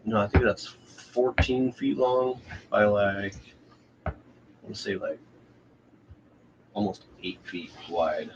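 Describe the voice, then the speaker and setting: A man's voice: on the low side, lively intonation, slow pace, long pauses. A man co-hosting a live stream, chatting casually about gardening gear. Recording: muffled, noisy live-stream audio.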